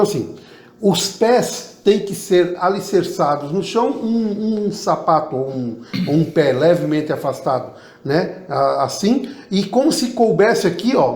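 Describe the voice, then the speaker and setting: Here a man with a high-pitched, somewhat dark voice speaks with a Southern Brazilian Portuguese accent. He teaches oratory and, as an interview guest, shares public speaking advice while showing how to use vocal emphasis, recorded in an echoey room.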